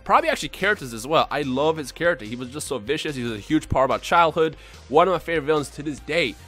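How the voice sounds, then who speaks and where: A young man from Bosnia, a YouTuber talking unscripted to his viewers in an excitable, rambling way with lots of restarts. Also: on the high side, racing, soft background music. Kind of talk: unscripted casual vlog talk.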